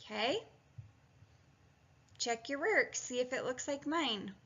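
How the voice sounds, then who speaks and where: A woman's voice: sits high, animated, slow, bright, forceful tone, breathy edge. A woman teaching a phonics lesson on video, chatty and encouraging, thinking aloud and sounding out words syllable by syllable. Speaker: reading and spelling teacher. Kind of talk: video phonics lesson, talking students through steps. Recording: dull lo-fi sound.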